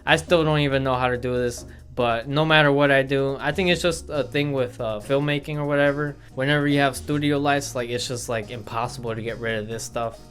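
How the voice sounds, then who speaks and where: A man's voice: medium pitch, fairly even intonation, brisk, hardly any pauses, fairly bright tone. A young man from Milwaukee, chatting casually in a vlog about himself, rambling with lots of fillers and restarts. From Milwaukee, Wisconsin, USA. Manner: rambling, filler-heavy, self-correcting. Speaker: vlogger. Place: indoor room with studio lights. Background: faint background guitar music.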